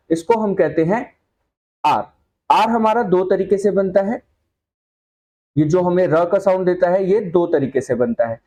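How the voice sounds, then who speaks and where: His voice sits high and sounds warm as he explains shorthand at the whiteboard. He checks comprehension through repeated questions, patiently, and spells out example sounds at a slow pace.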